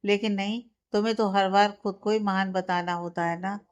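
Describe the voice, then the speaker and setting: A woman voicing a young husband who scolds his wife sharply, with a smooth, clear voice. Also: mid-range voice, fairly even intonation, normal speed, muffled recording, lightly acted. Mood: angry. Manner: sharp, reproachful.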